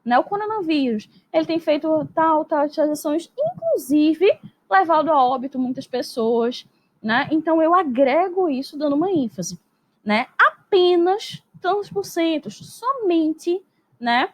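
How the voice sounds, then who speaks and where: A woman's voice: high voice, very animated, unhurried. A woman teacher explaining grammar in a recorded lesson, speaking patiently and constantly checking in with "né?" and "tá?". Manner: explanatory, peppers speech with "né?" and "tá?"; acts out example sentences in a lifted voice.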